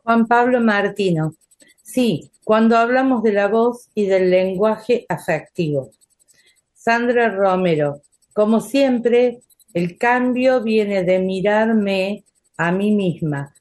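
A woman's voice: medium pitch, slow pace, darkish tone. A woman co-host reading viewer names and comments aloud in a plain way.

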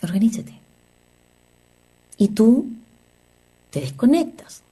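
A woman's voice: fairly low pitch, normal speed, warm tone, slightly rough. A woman therapist giving an earnest motivational talk on relationships, asking her listeners rhetorical questions.

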